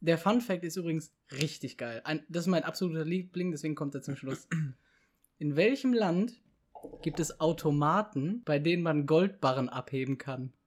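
A man with a notably high voice, chatting casually. He quizzes his friend in a teasing, playful way and prods him with follow-up questions. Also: normal speed, a little hiss or hum. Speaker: podcast co-host, quiz asker. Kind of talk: casual chat.

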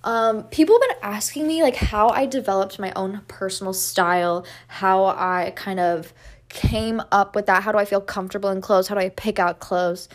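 A woman's voice: mid-range voice, normal speed. A woman hosting a solo podcast in casual, candid, sweary chat, recorded in an echoing bathroom. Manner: informal, candid, peppered with swearing. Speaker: podcast host.

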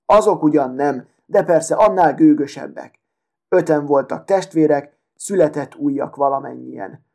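A man's voice: fairly high pitch, vocal fry, a little mellow. A man voicing a vain, haughty female sewing needle who talks in a proud, affected, self-important way. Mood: boastful.

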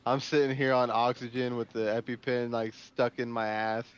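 A man's voice: medium pitch, little pitch movement, moderate pace, clear, resonant tone, dull audio. A man co-hosting a comedy podcast, trading dry, sarcastic asides. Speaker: podcast co-host. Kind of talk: casual comedic banter.

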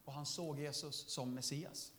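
A young man giving a lively testimony sermon, laughing often and calling out to the congregation. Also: on the high side, slight background noise. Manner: lively storytelling, laughing often, shouts to the crowd. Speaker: preacher.

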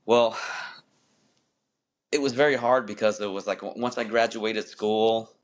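Fairly low in pitch, with fairly even intonation and a measured pace, a man in his forties recounts his story as a podcast guest. He's a wrestling referee, Malaysian-born and US-raised, and his casual interview telling wanders, restarts frequently, and breaks into easy laughs.

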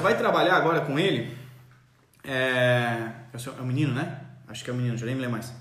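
A man hosts a parenting live stream from a roomy space that leaves a clear echo on his voice. He speaks high and swoops through his pitch, acting out parents and children in an animated way. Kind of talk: casual live-stream advice.

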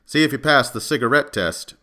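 A man voicing a fat, gruff middle-aged bartender who talks in a grumbling, shrewd way, in an audio story. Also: mid-range voice, animated, brisk, bright, forceful tone. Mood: gruff, wry.

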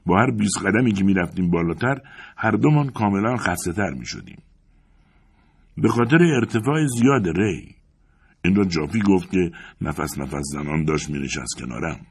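A man narrating a novel as an audiobook, in an expressive, dramatic reading style. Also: sits low, breathy edge.

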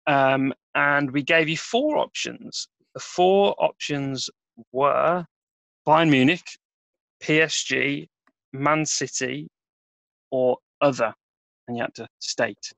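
A man hosting a casual football podcast, relaxed and hesitant with many fillers. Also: on the high side, slow pace, vocal fry, no room sound, poor audio. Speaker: podcast host.

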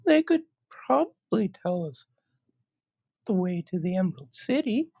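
A woman voicing an earnest, polite young girl in a bright, childlike voice. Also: mid-range voice, sing-song, measured pace, slightly rough, lo-fi sound, voice pushed up, full character voice.

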